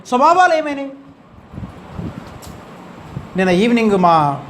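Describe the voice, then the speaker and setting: A man's voice: very high-pitched, slight background noise. A man preaching a sermon, pressing the congregation with emphatic rising questions.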